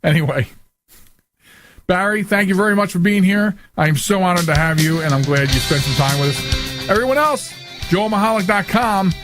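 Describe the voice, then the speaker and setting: With faint music behind him, an American podcast host speaks at a normal speed in a high-pitched, animated, somewhat bright voice. The talk is casual and unscripted, and he's earnest and emphatic, often going over the same ground.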